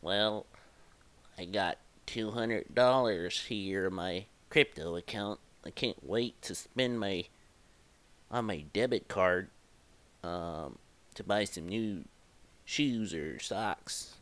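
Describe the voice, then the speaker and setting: A man's voice: lowish voice, slow, fairly bright tone. A man voicing a nerdy eighteen-year-old crypto newbie in a nasal voice. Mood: eager.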